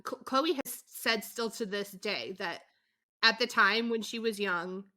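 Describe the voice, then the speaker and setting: A woman co-hosting a podcast, recapping a show in a chatty, animated way, full of asides and fillers. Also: mid-range voice, unhurried. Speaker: podcast co-host. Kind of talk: casual chat recapping a reality show.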